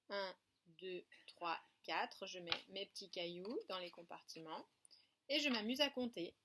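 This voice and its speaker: A woman teaching a remote preschool lesson in a French accent, sounding out syllables clearly and praising the children gently. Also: mid-range voice. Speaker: kindergarten teacher.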